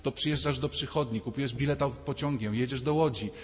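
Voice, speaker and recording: A man's voice: mid-range voice, brisk. A man giving a conversational sermon and acting out quoted voices, recorded in a church. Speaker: priest. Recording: reverberant church hall.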